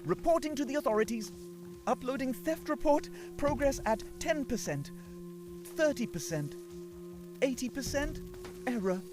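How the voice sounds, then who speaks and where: A man's voice: very high-pitched, lively intonation, moderate pace, long pauses. A man voicing a glitching ship AI. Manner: glitching robot voice, clipped system announcements. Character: malfunctioning male ship AI, spouting error messages. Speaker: ship's onboard AI assistant. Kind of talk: video game character voice. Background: loud game music.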